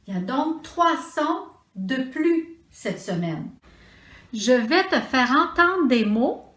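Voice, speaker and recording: A woman with a Quebec French accent speaks to preschoolers in a bright, lively, sing-song voice, drawing out each syllable very slowly. Her voice sits a bit high. The recording has a roomy echo around it. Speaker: preschool teacher. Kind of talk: slow, deliberate teaching for young children. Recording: echoey room.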